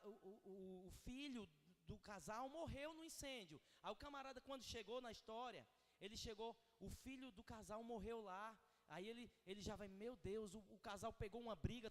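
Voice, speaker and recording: A Northeastern Brazilian pastor with a strikingly high voice preaches from the pulpit. He talks with lively energy and slips into little acted-out exchanges between people. His voice rings through a big hall with a long reverb trailing each phrase. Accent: Northeastern Brazilian Portuguese. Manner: animated preaching, acts out quoted dialogue. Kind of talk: sermon. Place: large church hall.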